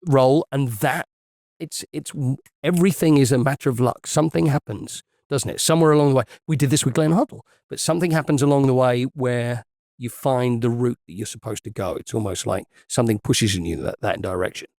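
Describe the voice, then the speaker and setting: A man's voice: medium pitch, a little fast, gravelly, darkish tone, no echo. Man, middle-aged, podcast co-host, rambling storyteller, dry close sound. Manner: chatty film buff, rambling anecdotes. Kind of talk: casual chat.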